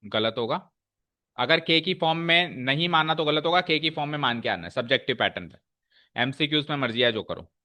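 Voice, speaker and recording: A male maths teacher explaining a lesson step by step to his class, often checking in with quick questions. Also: a little high, animated, pushed and bright.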